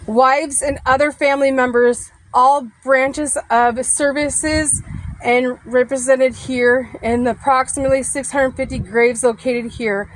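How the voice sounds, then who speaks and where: Breathless high-voiced woman vlogging outdoors. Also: dry recording. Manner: chatty, addresses viewers directly. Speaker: paranormal vlogger. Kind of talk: casual vlog, reading a sign aloud. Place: outdoors at a cemetery.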